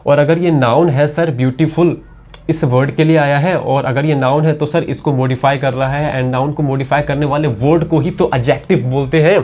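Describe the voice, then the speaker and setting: A man's voice: fairly high pitch, fairly even intonation, normal speed, a little mellow. Man teaching grammar, patiently repetitive. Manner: repetitive, asks and answers his own questions. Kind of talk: classroom lesson explanation.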